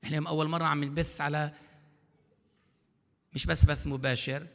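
A man's voice: fairly high pitch, little pitch movement, a little fast, gravelly. A man preaching a sermon as pastor, throwing out questions for the congregation to answer. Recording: long hall reverb.

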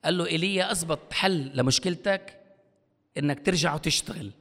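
A man preaching a sermon as pastor, animated, acting out voices, scolding and pleading. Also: on the high side, a little fast. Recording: long hall reverb.

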